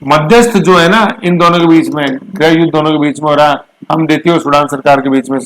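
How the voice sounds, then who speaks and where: A male teacher giving an exam coaching lecture on current affairs, mixing English terms into his explanations and drawing words out slowly to drill pronunciation and spelling. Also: fairly high pitch, a bit bright, rough recording. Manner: addresses students with homely asides.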